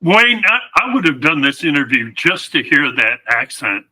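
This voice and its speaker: A man hosting an interview as a newspaper editor, appreciative and quick to laugh. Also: fairly high pitch, sing-song, breathy edge, poor audio. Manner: warm, appreciative, laughs easily. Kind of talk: interview host.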